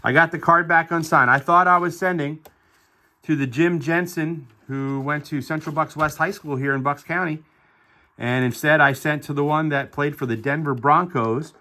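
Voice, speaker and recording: A middle-aged man with a bright, forward voice talks through his finds in a relaxed show-and-tell style. He sounds upbeat and enthusiastic, tossing in chatty asides as he goes. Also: medium pitch. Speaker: card collector vlogger. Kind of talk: casual show-and-tell narration.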